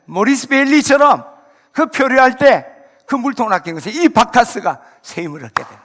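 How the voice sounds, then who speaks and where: A man preaching a sermon as pastor, lively, breaking into loud exclamations and acted-out quotes. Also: a little high, vocal fry, long reverb tail. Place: church sanctuary.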